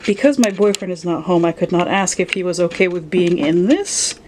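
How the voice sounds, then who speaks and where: A little hiss or hum runs beneath this casual narration, in which a playful young collector from Philadelphia, USA, shows her home sewing room and office. Her voice is on the low side, a little mellow, at a moderate pace, with affectionate, dry jokes about her toys.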